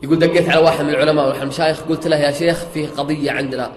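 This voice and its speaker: A man's voice: on the high side, steady tone, racing. A man, a preacher telling a story in sermon style, swearing oaths and rising to a near-chant. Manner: retells an eyewitness account, swearing oaths, rising to near-singing emphasis. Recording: echoey hall with faint music.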